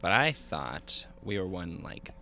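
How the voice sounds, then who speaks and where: A man co-hosting a podcast outdoors, chatting casually with deadpan, absurd jokes. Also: low voice, slow. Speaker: podcast co-host. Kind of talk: casual chat.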